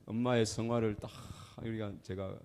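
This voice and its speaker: Middle-aged Gyeongsang-accented preacher, gravelly and emphatic, telling a personal testimony with loud and soft swings. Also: male voice, fairly low pitch, flat delivery, normal speed, a little hiss or hum. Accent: Gyeongsang Korean. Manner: emphatic storyteller, swings between loud outbursts and soft asides. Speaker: traveling minister.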